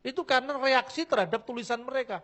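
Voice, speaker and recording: A man giving a lively religious talk, blunt and mocking, acting out the people in his stories. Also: very high voice, fast talker. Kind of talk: lively lecture with anecdotes.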